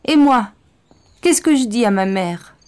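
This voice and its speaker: A woman's voice: fairly high pitch, expressive, a little slow, a little mellow, clean tone, voice pushed up. A woman voicing a frightened but defiant young schoolboy in a storybook reading. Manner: pleading, defiant.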